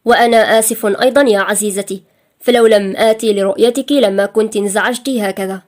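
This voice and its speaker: A woman's voice: medium pitch, steady tone, fast talker, a little mellow, lightly acted. A woman voicing an affectionate young man who talks in a coaxing way.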